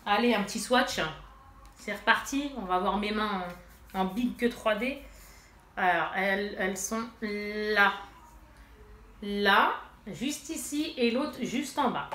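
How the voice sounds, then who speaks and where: With a fairly high, fairly bright voice, a woman vlogging about beauty talks straight to her audience while presenting and swatching new makeup, filling her speech with fillers. Allergies leave her nose stuffy. Faint noise and room echo are audible.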